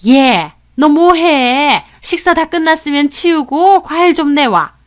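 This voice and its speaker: Woman putting on a shrill, scolding older mother-in-law. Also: lively intonation, slow pace. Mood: bossy. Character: harsh bossy older future mother-in-law.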